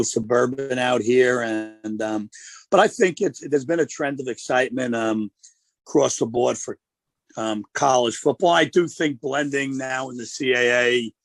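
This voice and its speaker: Male football coach as a radio guest; gravelly, steady, measured delivery, dry close sound. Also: medium pitch, dry recording.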